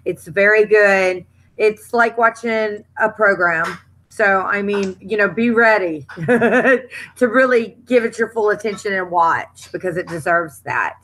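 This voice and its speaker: Female stream host, relaxed casual delivery on a video call. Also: mid-range voice, a little slow, a little hiss or hum, poor audio. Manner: relaxed, thanks viewers and wraps up the stream. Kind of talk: casual group chat.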